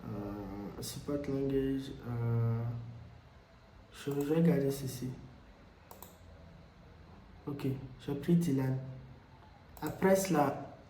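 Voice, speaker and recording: A man presenting a software tutorial, explaining steps with frequent hesitations and repeats. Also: medium pitch, steady tone, very slow, long pauses, slight background noise. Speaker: tutorial host. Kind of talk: screen-recorded software tutorial. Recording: echoey room.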